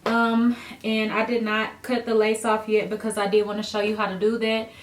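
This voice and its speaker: A woman hair vlogger talking viewers through a wig tutorial in a chatty, relaxed way. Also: a little high, normal speed. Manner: chatty, relaxed, addresses viewers as dolls and guys. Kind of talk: casual tutorial talk to camera. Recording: roomy echo.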